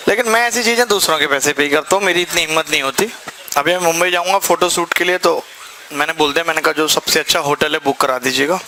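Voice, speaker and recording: A man's voice: a little high, pushed and bright, a little hiss or hum. A young man, a maths teacher, telling his class a chatty story that gets heated, with laughter. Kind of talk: casual anecdote told to a class.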